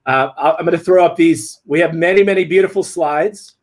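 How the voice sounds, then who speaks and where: An upbeat, laid-back man hosts a casual online talk stream, covering housekeeping before introducing a guest. His voice sits on the high side and moves briskly.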